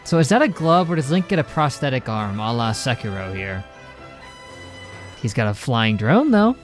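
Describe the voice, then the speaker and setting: A man streams a casual reaction to a game showcase, ranting in an emphatic, slangy way. His mid-range voice swings widely in pitch at a moderate pace, with faint music behind.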